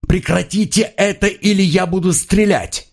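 A man voicing a panicked young male police officer who shouts frantic orders in an audiobook. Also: medium pitch, animated, moderate pace, creaky, slightly rough, pitched above the performer's own voice.

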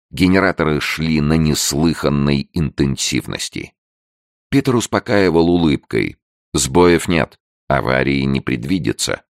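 A man narrating an audiobook in a steady, measured reading. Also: a bass voice, gravelly, no echo, clean studio sound.

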